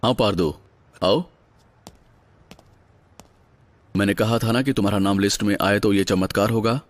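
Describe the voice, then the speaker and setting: A man's voice: lowish voice, steady tone, a little fast, close to an everyday voice. A man playing a stern sports coach. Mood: encouraging. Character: stern middle-aged male sports coach. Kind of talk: Hindi film dub. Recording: film dub with loud music.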